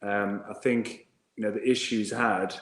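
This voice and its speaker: A man's voice: fairly low pitch, normal speed, echoey room, low-quality recording. A man, a former rugby player, chatting casually on a video call and telling stories with laughter. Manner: lively storyteller, laughs often. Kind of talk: casual watchalong chat.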